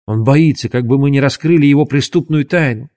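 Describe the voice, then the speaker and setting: A man voicing an earnest, imaginative boy who talks in quick, hushed, urgent bursts in a storybook reading. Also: medium pitch, lightly acted.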